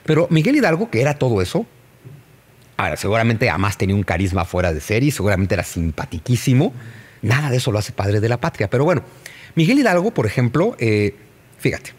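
A man's voice: on the low side, quick pace, husky. A man with a Mexican accent explaining history in casual conversation, posing rhetorical questions. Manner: animated, rhetorical questions to the listener.

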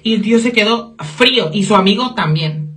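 A young woman tells a gossip story to her vlog camera at an ordinary middle pitch. She giggles often, swears freely and tosses in bits of English as she chats. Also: expressive, a little fast, a bit bright. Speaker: vlogger.

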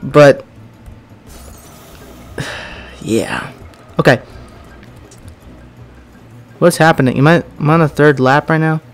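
Brief: young male gamer, higher voice, rambling casual commentary, faint game music behind. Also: slow pace, long pauses. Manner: rambling, many "like"s, bursts of yelling while racing. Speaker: gaming YouTuber.

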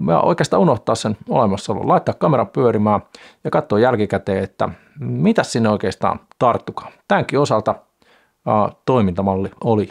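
Calm, low-voiced man reviewing gear. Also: gravelly, husky. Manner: calm, unhurried, frequent hesitant fillers. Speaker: sailing channel host. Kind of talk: camera review talk to camera. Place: small home studio with desk and monitor.

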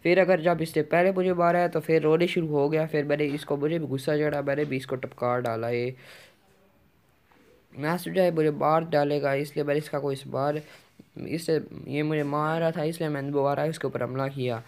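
A man's voice: on the high side, fairly even intonation, darkish tone, clear, resonant tone. A man commentating his own gameplay, urgently repeating words as he plays. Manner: urgent, repeats words rapidly while playing. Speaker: gaming YouTuber.

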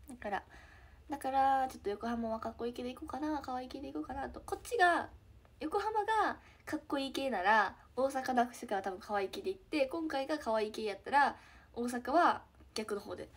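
A teenage girl with a Kansai accent chatting casually with fans on a live stream, giggly and trailing into soft murmurs. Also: a little high, lively intonation, a little fast. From Hyogo, Japan. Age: teens. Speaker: idol trainee streaming to fans.

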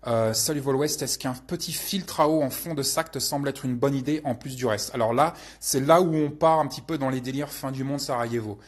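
Husky man rambling through viewer questions. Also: medium pitch, fairly quick, few pauses. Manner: rambling, full of hesitations, crude slang. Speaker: channel host answering viewer questions. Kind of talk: casual live Q&A chat.

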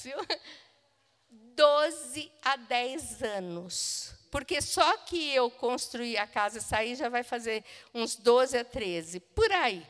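High-voiced woman pastor telling a lively story. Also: big-room sound. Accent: Brazilian Portuguese. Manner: animated, laughing storyteller. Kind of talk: sermon with a personal anecdote. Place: church auditorium.

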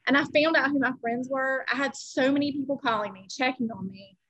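A woman's voice: sits high, brisk, a bit bright, husky, low-quality recording. A woman panelist on a video call, candidly telling a personal story.

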